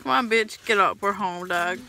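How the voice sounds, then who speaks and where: A woman's voice: mid-range voice, moderate pace, gravelly, sharp tone, slight background noise. A drunk woman in her twenties chatting to her vlog in a rowdy party-animal manner, brash and foul-mouthed. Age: 20s. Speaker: vlogger. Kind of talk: casual drunk vlog chat. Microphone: handheld phone at arm's length.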